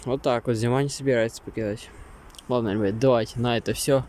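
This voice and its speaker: A man's voice: mid-range voice, steady tone, quick pace, a little mellow, slight background noise. A man from Russia giving casual, slangy vlog commentary outdoors, as an amateur weather watcher. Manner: informal, slangy exclaiming. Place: outdoors in a snowstorm.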